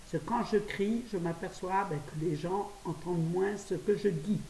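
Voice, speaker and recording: A woman's voice: fairly low pitch, creaky, dark tone. Chatty older woman filming her home. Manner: fast, chatty, laughing at herself. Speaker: vlogger. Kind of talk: casual chat to camera. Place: her apartment, indoors. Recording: roomy, distant phone audio with faint hiss.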